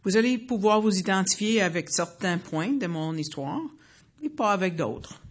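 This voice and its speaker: A woman in her fifties from the United States shares a personal testimony of faith before a gathering. She speaks earnestly, pausing often with fillers and restarting her sentences, in a voice of middling pitch. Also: lively intonation. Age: 50s.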